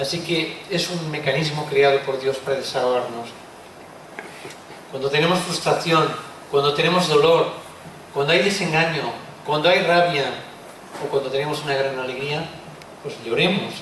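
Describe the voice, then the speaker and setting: Man, expressive preacher, a bit high-pitched, recorded far off with faint noise. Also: heavy reverb. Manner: expressive, rhetorical questions, tag words like "¿eh?". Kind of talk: sermon. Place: church hall.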